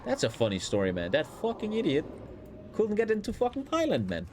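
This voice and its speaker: Loud music and background noise surround a German-accented man whose high-pitched voice swoops wildly as he talks briskly. He's a live streamer rambling through casual gameplay chat, blunt and very sweary.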